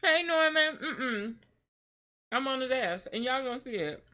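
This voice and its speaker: A woman telling a story on a live stream, animated and profane, often breaking into laughter. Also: sits high, unhurried. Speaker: streamer co-host.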